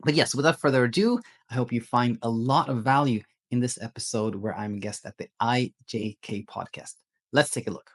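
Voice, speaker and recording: Speaking a little fast at medium pitch, a man from Sweden fields interview questions on a podcast. He's a sleep coach and former sleep physician, and his answers are informal and explanatory, with frequent rephrasing.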